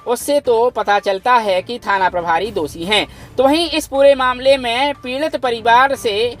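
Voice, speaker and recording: A woman news anchor reading a scripted report in a formal, measured way, then putting questions to a caller. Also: a little high. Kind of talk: scripted news narration and phone interview. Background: faint music.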